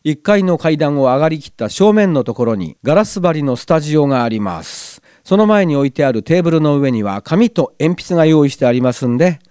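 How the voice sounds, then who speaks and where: A man's voice: fairly high pitch, a little mellow, clear, resonant tone, no room sound. A man hosting a community radio show, chatting casually and reading listener letters aloud in a studio. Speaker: radio host. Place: glass-walled studio in a cinema. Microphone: studio mic.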